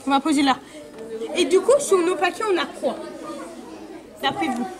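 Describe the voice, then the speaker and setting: Very high-pitched kids party magician, noisy hall. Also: expressive, moderate pace. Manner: kids party magician, instructing and questioning volunteers. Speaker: magician performing card tricks. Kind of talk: live magic show patter to young spectators. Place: large indoor room at a school. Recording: large echoing hall with loud crowd noise.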